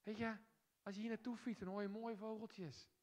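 A woman preaching a sermon in a church, speaking emphatically and pushing hard on key phrases, then turning quiet and soft as she leads a prayer. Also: medium pitch, little pitch movement, normal speed.

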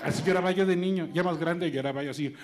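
A man's voice: a little high, fast talker, heavy background noise. A man with a Mexican accent doing stand-up comedy, chatting and joking with his audience. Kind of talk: stand-up comedy with crowd banter. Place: stage in front of an audience. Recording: live show with loud crowd and music.

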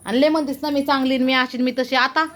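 A woman vlogger with a high, piping voice pours out bitter complaints in a family argument. She scolds and circles back to the same grievance, her tone sharp with resentment. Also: fairly even intonation, brisk. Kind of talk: angry family quarrel.

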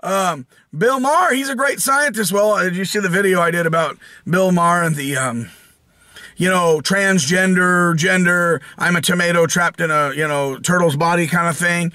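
A man's voice: sits high, moderate pace, bright, forceful tone, no echo. An American man hosting his channel, ranting casually in a rambling, sarcastic way with lots of restarts and fillers. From United States. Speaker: channel host. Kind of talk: casual opinion rant.

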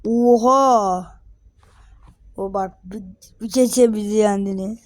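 A woman talks through a football management game at an unhurried pace. Her voice has a soft, mellow tone. She mumbles quietly and then bursts into loud, slangy exclamations. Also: medium pitch, slightly rough, no echo. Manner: excitable, slangy outbursts between quiet mutters. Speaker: gaming video creator. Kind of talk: gameplay commentary.

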